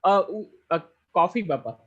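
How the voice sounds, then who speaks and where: A foreign man with a Bangladeshi accent speaking halting Indonesian as a student, mixing in English and searching for words. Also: sits high, lively intonation, a bit bright, slightly rough, muffled recording.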